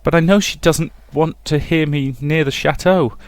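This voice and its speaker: A man performs visual novel dialogue, voicing a frightened, guilt-stricken young woman who pleads and stammers in anguish, anxious and hurt. He pitches a little higher than his own voice, staying close to everyday speech, at a moderate pace with no room sound.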